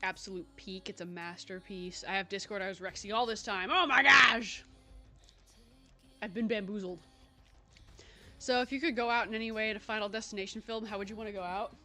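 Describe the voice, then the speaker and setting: A woman's voice: medium pitch, steady tone, quick pace, a bit bright, soft background music. A young woman hosting a livestream, chatting casually and playfully with her viewers and laughing often. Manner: playful, giggly, chatting to viewers while eating. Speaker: livestream host.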